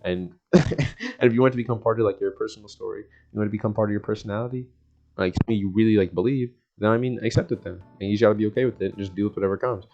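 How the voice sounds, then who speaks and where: Speaking at a racing pace in a lowish voice, a young male vlogger offers loose, slangy self-help talk to his audience. He rambles, repeats himself, and often chuckles mid-sentence. Background music runs under muffled, dull lo-fi audio.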